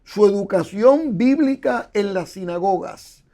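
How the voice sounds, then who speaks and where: In a relaxed interview, an older man who is a guest Bible scholar lectures at length, building his points through examples and frequent repetition. He speaks unhurriedly in a high, dark-toned voice with lively intonation.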